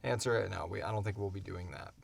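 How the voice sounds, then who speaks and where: In a small, enclosed recording booth, a man with a low, breathy voice and some vocal fry talks at a quick clip. He's the creator and co-host of a fiction podcast, chatting casually and rambling enthusiastically as he answers questions.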